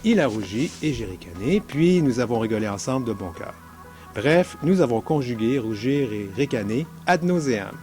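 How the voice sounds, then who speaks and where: A man's voice: medium pitch, expressive, moderate pace, darkish tone, faint music behind. Wry Québécois man reading his story. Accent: Québécois French. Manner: wry, self-mocking storytelling. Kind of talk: literary reading.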